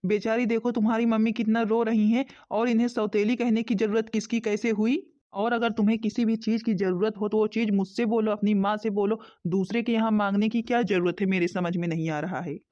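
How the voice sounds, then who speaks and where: A performer voicing a gentle middle-aged father in a cartoon, who talks slowly and soothingly. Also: sits high, level tone, close to an everyday voice. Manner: slow, soothing and pleading. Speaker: father character. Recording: dull lo-fi sound.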